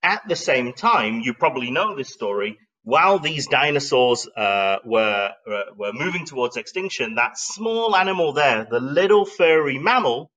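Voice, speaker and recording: Expressive and mid-range, the middle-aged man speaks at a moderate pace with hardly any pauses and a slightly bright tone during his live online slide presentation. He explains in a reflective, emphatic, conversational way, often asking questions. The mic is distant and the audio dull.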